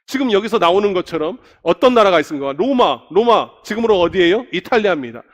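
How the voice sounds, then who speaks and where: A middle-aged man preaches from the pulpit in a high, animated voice whose pitch swings widely. He talks conversationally and keeps asking the congregation questions. The long reverb of a church sanctuary trails behind every phrase. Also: quick pace. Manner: asks the congregation frequent questions. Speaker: pastor. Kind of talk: sermon.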